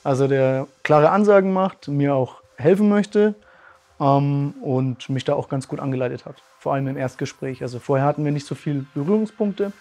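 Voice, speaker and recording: Speaking at a moderate pace in a slightly high, warm voice, this martial arts school owner in his thirties shares his story in a testimonial interview. He comes across as earnest and thoughtful, with many fillers, filmed indoors in a bright room with curtains.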